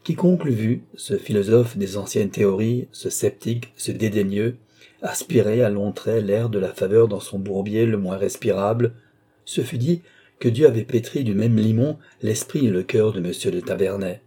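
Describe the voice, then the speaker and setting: A man reads a classic novel aloud in measured, formal narration. His voice is low and dark, with a husky grain. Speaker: audiobook narrator. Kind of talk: scripted literary narration.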